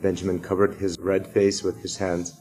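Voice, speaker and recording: A man reads a children's chapter book aloud in a low, steady voice. His delivery is measured storytelling for young listeners. Soft music plays faintly behind him. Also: poor audio. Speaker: reader for sixth graders.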